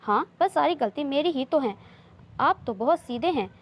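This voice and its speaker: A shy, easily flustered young woman from a storybook romance, as a woman reads her. She pleads and protests softly. The voice sits high, with faint noise behind it. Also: lively intonation, moderate pace. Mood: flustered, pleading. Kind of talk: romance novel reading.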